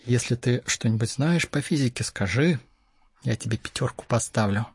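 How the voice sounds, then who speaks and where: A man's voice: mid-range voice, moderate pace, husky, no echo. A man voicing a female physics teacher who coaxes and pleads with a pupil. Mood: coaxing. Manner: wheedling, coaxing, rising to a shout.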